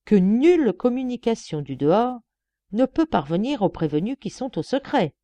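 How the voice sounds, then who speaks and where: A woman's voice: on the high side, big pitch swings, dark tone, no echo, pitched above the performer's own voice. A woman voicing a stern, formal judge. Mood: probing. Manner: measured, severe questioning.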